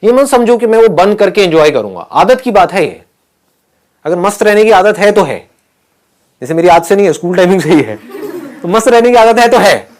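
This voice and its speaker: A man leading a live motivational session for students, animated and playful, often asking the audience questions. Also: high voice, brisk. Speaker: motivational speaker.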